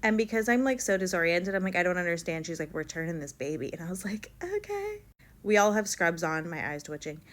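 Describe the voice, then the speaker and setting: A young woman casually telling a story to camera, animated and full of likes, acting out what others said. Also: lowish voice, fast, hardly any pauses. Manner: animated, quotes others in livelier voices, many likes. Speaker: vlogger telling her birth story.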